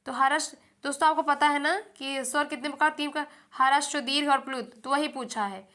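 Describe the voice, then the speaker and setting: Bright-voiced woman teaching a lesson. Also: high voice, fairly even intonation, fairly quick. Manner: repeats questions back to the viewer, calls them friends. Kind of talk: exam-prep lesson.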